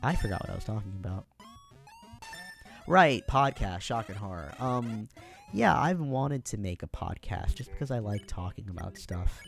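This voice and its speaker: A man's voice: lowish voice, big pitch swings, normal speed, gravelly, soft background music. An American man chatting on his own during a livestream, rambling and self-deprecating with plenty of fillers. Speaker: streamer.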